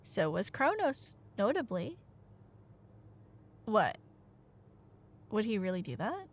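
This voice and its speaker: With a medium-pitched voice that swings widely, a woman speaks slowly and close to the mic. She's cast as a nerdy girlfriend excitedly sharing Greek myths in an animated, casual ASMR roleplay, teasing the listener conversationally and leaning into dramatic emphasis.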